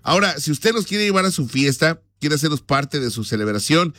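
A man's voice: fairly high pitch, sing-song, brisk, a bit bright, no echo. A man hosting a radio show, joking with callers and reading sponsor ads in a casual, slangy way. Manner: joking, chatty, slangy Mexican Spanish. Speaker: radio host. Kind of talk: casual radio chat and live ad reads.

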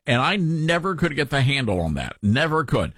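A male talk radio host with a mild Southern American accent and a husky voice. His delivery is folksy and animated, with pitch that moves around a lot. The sound is dry and close, like a studio. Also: normal speed, no echo. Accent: mellowed Southern American. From Southern US, Tennessee. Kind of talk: conversational talk radio commentary.

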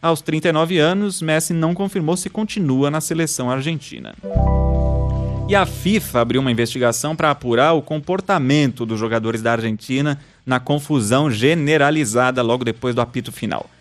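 A man's voice: a little high, a little fast, soft background music. A man hosting a news podcast, reading stories and listener messages in a scripted style. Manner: reads listener messages aloud.

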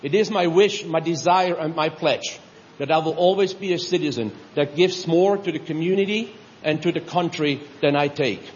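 A middle-aged man from Switzerland giving a reflective, halting personal speech as a new citizen in a large tent. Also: on the high side, slight background noise. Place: large tent at an outdoor ceremony. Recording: reverberant dull audio with faint ambience.

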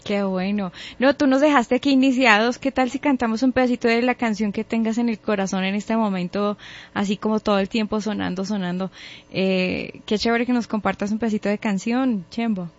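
A woman's voice: mid-range voice, steady tone, brisk, highs cut off. A woman co-host asking the guest short questions and cheering him on. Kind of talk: interview chat.

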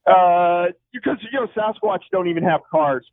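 A man with a high voice and lively intonation calls in to a radio talk show, speaking at a moderate pace. He rambles with plenty of fillers and restarts, and the phone line sounds tinny and dry.

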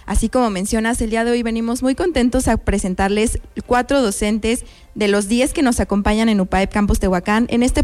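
A woman's voice: a little high, a little mellow. Upbeat Mexican woman promoting on radio. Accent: Mexican Spanish. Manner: upbeat promotional, repeats details. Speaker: university promotion coordinator, guest. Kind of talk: radio guest interview. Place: radio studio.

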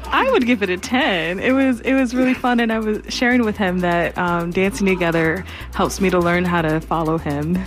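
A woman speaks in a casual interview after a dance class, bubbly and quick to laugh. Her voice sits somewhat low. Faint music plays in the background. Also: fairly even intonation.

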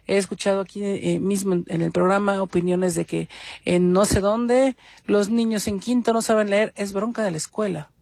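A woman's voice: mid-range voice, fairly even intonation, normal speed, vocal fry, a little mellow, no echo. A woman from Mexico City leaves a phone voice message for a radio program, speaking with a Mexico City Spanish accent in a mid-range voice. She talks earnestly and fluently, stringing items together in long runs. The sound is dry and close, with no room around it. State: leaving a recorded voice message for a radio show. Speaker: radio caller. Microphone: phone voice note.

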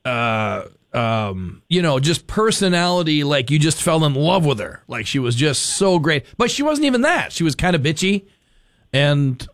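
A man's voice: on the high side, big pitch swings, moderate pace, no room sound. A man talking as a talk radio host in a studio, bantering with callers and his producer. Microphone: studio microphone.

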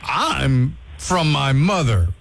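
A man's voice: medium pitch, expressive, slow pace, creaky, fairly bright tone, slight background noise. A man co-hosting a radio morning show, joking and laughing through a guessing game. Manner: jokey, laughing. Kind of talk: playful radio banter.

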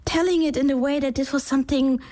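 Lively, fairly high-voiced woman in her forties. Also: fast. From Sri Lanka. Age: 40s. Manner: animated storytelling, acting out past voices, laughs easily. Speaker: engineer and startup founder. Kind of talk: relaxed conversational interview.

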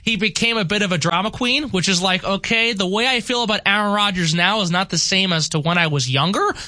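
A man's voice: high-pitched, brisk, sharp tone, no room sound. A young man from Long Island, an enthusiastic and talkative radio guest host in casual banter. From New York, Long Island. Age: young adult.

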